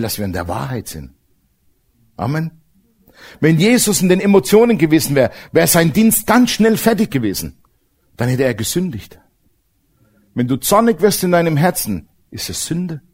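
A man preaching a sermon to a congregation, animated and direct, asking them questions and mixing in humor. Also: a little high. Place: church service with congregation.

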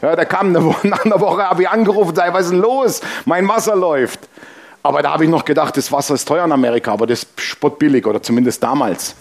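A middle-aged man from Germany preaching a sermon and telling lively personal anecdotes. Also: on the high side, rapid-fire, creaky, few pauses. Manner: animated storytelling, mimics honking and quarrels. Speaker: pastor.

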